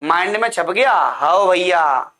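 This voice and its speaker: A man's voice: sits high, animated, takes it slowly, sharp tone. A man teaching an online class, drilling points with repeated questions and answers and calling his students "beta".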